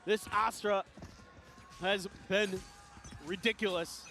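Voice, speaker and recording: A man's voice: high-pitched, steady tone, slow, vocal fry, pushed and bright. A man giving esports caster analysis as a match commentator.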